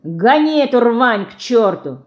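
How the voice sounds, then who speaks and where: A woman's voice: fairly high pitch, very animated, unhurried, lo-fi sound, voice pushed up. A woman reader voicing a spoiled rich boy who jeers and taunts. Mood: mocking. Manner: jeering, taunting.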